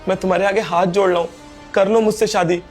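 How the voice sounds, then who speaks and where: A man's voice: high-pitched, fairly even intonation, quick pace, faint music behind, lightly acted. A man playing a poor young servant who earnestly pleads with his girlfriend not to leave him. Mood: pleading. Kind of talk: scripted skit acting.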